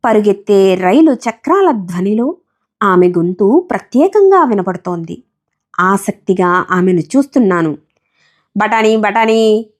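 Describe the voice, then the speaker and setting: Expressive woman narrating a story. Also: mid-range voice. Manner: expressive, animated reading. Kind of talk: scripted audiobook narration.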